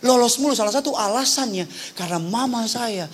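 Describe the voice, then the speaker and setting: High-voiced impassioned preacher man. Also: a little fast, a little hiss or hum. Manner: impassioned, call-and-response preaching with humor. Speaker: pastor. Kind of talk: sermon. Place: church service.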